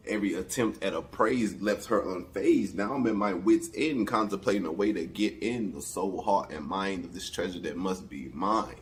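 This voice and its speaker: Deep man performing spoken word. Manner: measured, dramatic rhythmic delivery. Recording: noticeable background ambience noise.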